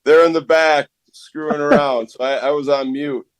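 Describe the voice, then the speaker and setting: A man's voice: a little high, steady tone, normal speed, no echo. A man talking from home on an online call, hesitant and stammering through his sentences. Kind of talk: casual chat on a call.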